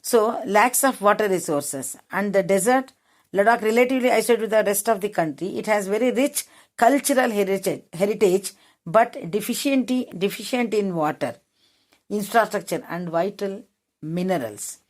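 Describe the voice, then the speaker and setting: A woman with an Indian English accent teaches a geography lesson. She reads a passage, then goes back over it in plainer words, often restarting her sentences. Her voice sits at an ordinary middle pitch. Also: normal speed, a little mellow. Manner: rephrases each point in simple words, asks if it is clear. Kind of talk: classroom lesson, reading then explaining.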